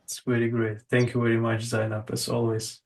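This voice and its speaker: A man's voice: medium pitch, completely flat delivery, fairly quick, darkish tone, slight background noise. A man hosting an online poetry session, chatting casually and hesitantly, often repeating words as he thinks. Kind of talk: casual group chat.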